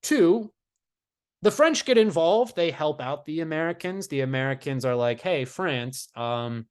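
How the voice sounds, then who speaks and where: A male history teacher talks through a lesson in a loose, conversational way. His pitch swings up and down a lot as he explains, and he drops the odd dry, sarcastic aside. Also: animated, normal speed, a little mellow, smooth. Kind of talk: casual video lecture.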